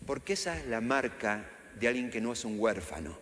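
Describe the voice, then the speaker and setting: Preaching in an echoey church hall with faint ambience, this middle-aged pastor has a Rioplatense Spanish accent and bursts into raised voices to act out quotes. His mid-range voice swings widely in pitch, with a fairly bright tone and moderate pace, plus slight background noise.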